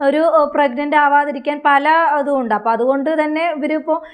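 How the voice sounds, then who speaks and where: A woman with a Kerala Malayalam accent commenting on a video in a casual, hesitant way, with many drawn-out fillers. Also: high voice, steady tone.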